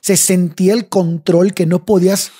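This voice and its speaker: A man's voice: high voice, little pitch movement, normal speed, mellow, slightly rough. A young Mexican man telling a personal story in casual, slang-heavy chat, swearing freely and tagging his phrases with "güey".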